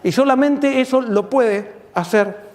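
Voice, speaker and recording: A man preaching a sermon as pastor, earnest, swelling on key points and dropping low and soft when reading scripture. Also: measured pace, long reverb tail, slight background noise.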